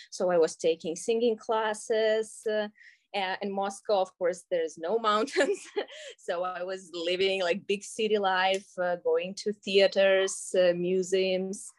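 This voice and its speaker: A woman in her thirties from Russia with a Russian accent, talking as an interview guest, hesitant with many fillers and frequent laughs. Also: mid-range voice. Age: 30s. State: pregnant. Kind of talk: casual interview.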